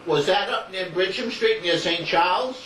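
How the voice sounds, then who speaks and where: A middle-aged man from Rhode Island patiently questions his mother about family history in a casual interview, his manner inquisitive and a bit rambling. His voice is high and slightly bright, moving at a moderate pace. The home video sounds echoey, with a distant mic and hiss.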